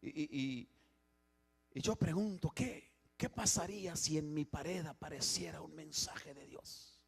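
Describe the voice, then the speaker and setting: This church pastor's sermon comes in a fairly high, husky voice with vocal fry and an unhurried pace. He shifts from quiet, hushed sections to loud, emphatic ones and often restarts or repeats his phrases.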